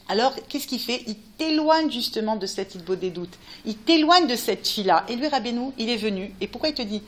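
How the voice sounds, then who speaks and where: Woman teacher, high-pitched, lively preaching, addresses listeners directly. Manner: animated, talks to listeners directly, rising to cries. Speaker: Torah teacher. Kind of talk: spirited religious talk.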